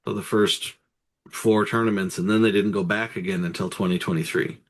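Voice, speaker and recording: Lowish-voiced man reciting sports stats. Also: fairly even intonation, a little fast. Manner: matter-of-fact, enumerating. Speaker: sports commentator. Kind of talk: casual sports talk with statistics.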